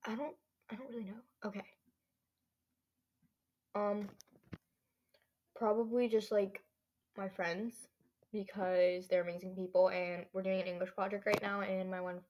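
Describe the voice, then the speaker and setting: A teenage girl talking alone into her podcast mic in a loose, chatty way. She rambles, leans on fillers, and often loses her train of thought before picking it back up. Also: medium pitch. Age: teens. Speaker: podcast host. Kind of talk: casual solo podcast chat.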